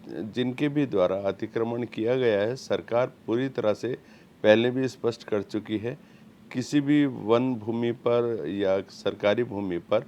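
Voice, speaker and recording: Slow deep-ish guy on a news panel, lots of umms and pauses, faint hum behind. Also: warm tone. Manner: slow, hesitant, many fillers. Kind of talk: panel debate statement.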